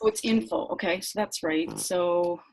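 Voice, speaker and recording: Her voice is lowish, creaky and a touch mellow, very animated at a normal pace, with faint hiss or hum on the computer mic. This team leader presents a casual online sales training, first flustered, apologizing and muttering curses, later chatty and upbeat.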